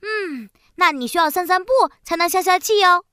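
A woman voicing an excited, friendly little squirrel in a storybook. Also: very high-pitched, normal speed, no echo, clean studio sound, pitched above the performer's own voice, heavily acted. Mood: chirpy. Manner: chirpy, excited.

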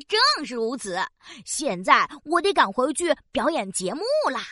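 Bright, high, showy cartoon octopus magician. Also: female voice, very animated, slow pace, no room sound, clean studio sound, heavily acted. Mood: proud. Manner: theatrical, exclamatory, giggly. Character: cheerful showy octopus magician, excitable and easily scared. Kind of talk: children's audio story acting.

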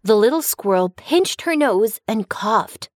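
A woman narrating a children's cartoon story, her slightly high voice rising and falling in a lively storytelling lilt. The studio sound is dry and close. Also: measured pace, no room sound.

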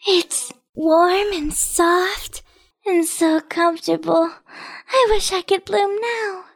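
A woman voicing an impatient, hopeful little seed in a storybook reading, excited and childlike. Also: very high voice, takes it slowly, pitched above the performer's own voice, heavily acted. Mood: eager.

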